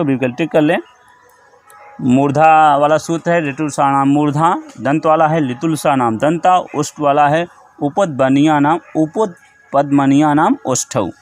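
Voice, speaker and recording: Male teacher, slightly high voice, steady exam-prep quiz delivery with deliberate repetition. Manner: methodical, repeats answers and rules slowly. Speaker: Sanskrit grammar teacher.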